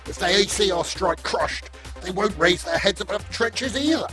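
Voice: medium pitch, lively intonation, normal speed, sharp tone, faint music behind. A tabletop role-play player speaking in character, rhetorical and speech-making.

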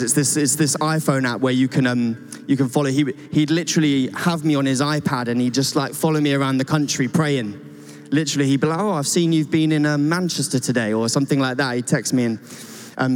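A young man, a youth pastor, giving an earnest, rambling church talk with many restarts. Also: mid-range voice. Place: church stage. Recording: church hall reverb with soft guitar.

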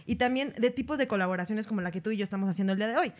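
A woman's voice: mid-range voice, very fast. Slangy Mexican woman podcaster. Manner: chatty, slangy, with frequent restarts. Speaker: podcast co-host. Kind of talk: casual podcast chat.

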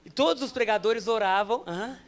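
A Brazilian man in his thirties preaches with a strikingly high voice. He tells funny family stories straight to the congregation, drops to a hush and then comes back forceful. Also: moderate pace. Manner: humorous storytelling, addressing the congregation directly; animated, swinging between hushed and emphatic. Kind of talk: sermon.

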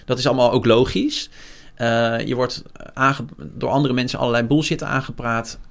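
A man in his forties with a gravelly, slightly rough voice, speaking as a news journalist in a relaxed interview. He talks frankly and reflectively, with frequent hesitations as he gathers his thoughts, at a mid pitch. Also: normal speed. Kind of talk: candid interview conversation.

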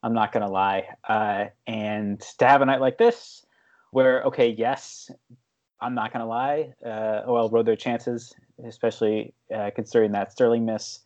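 A man's voice: medium pitch, fairly even intonation, moderate pace, a little mellow, highs cut off. A man talking football as a podcast panelist, thoughtful and hesitant with many fillers. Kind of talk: casual podcast discussion.

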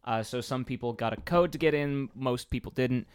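A man with a smooth, resonant voice chats easily on a podcast. He stops now and then to explain things plainly for listeners. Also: medium pitch, fairly quick. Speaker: podcast co-host. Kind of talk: casual chat.

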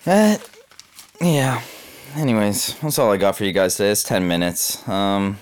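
Young man from Southern California, slangy cynical vlogger, lower pitch. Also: very animated, measured pace. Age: 20s. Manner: laid-back, slangy, cynical, full of fillers. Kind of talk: casual rambling monologue.

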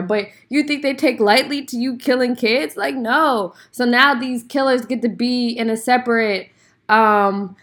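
A woman hosting a casual solo podcast, talking in an emphatic, indignant, slangy and conversational way. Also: a little high. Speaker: podcast host.

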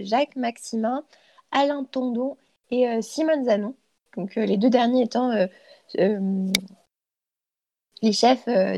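Young woman, radio columnist, slightly high voice, gravelly fry, hesitant, self-correcting, dry close sound. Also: a little mellow, no room sound. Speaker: radio columnist presenting TV listings. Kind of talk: live radio chat.

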